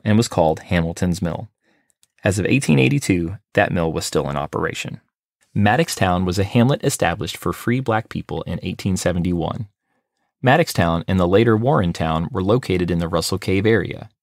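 Man, very deep voice, dry close sound, steady scripted history narration. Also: gravelly, dry recording. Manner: steady, measured reading. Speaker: library podcast host.

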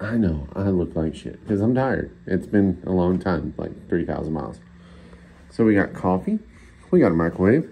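A man in his forties with a lowish, warm voice chats bluntly and rambles, swearing mildly, in a handheld travel vlog reviewing a motel room. He's indoors in hotel rooms and hallways. His phone, held at arm's length, gives a noisy recording.

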